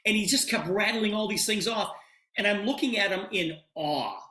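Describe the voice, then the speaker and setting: Middle-aged guy telling a story to the crowd, bright forceful voice, plays out the dialogue, echoey room. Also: sits high, moderate pace. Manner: animated, acts out dialogue. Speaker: presenter promoting a product. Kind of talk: storytelling sales presentation. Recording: roomy echo.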